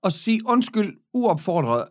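Man, high-pitched, blunt storyteller who swears freely. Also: big pitch swings, dry recording, clean studio sound. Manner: blunt, swears, laughs into his own stories. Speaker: podcast guest. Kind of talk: casual chat, storytelling.

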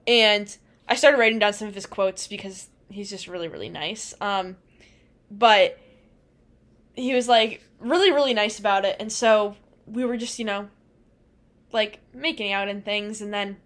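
A woman's voice: mid-range voice, measured pace, fairly bright tone. A woman in her twenties telling a personal story on a podcast, rambling with lots of "like" and "um" and laughing often. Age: 20s. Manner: rambling, fills with "like" and "um". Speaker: podcast co-host. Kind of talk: casual storytelling chat.

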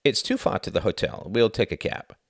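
A man reading an audiobook and voicing an emotional young German man in a higher, effusive voice. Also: lively intonation, fairly quick, no echo, clean studio sound. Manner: effusive, tearful warmth.

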